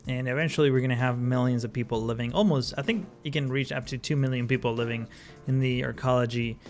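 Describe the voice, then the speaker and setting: A man's voice: medium pitch, fast talker, soft background music. Casual rambling gameplay narrator, man. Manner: relaxed, rambling, many fillers and self-corrections. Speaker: gaming channel host.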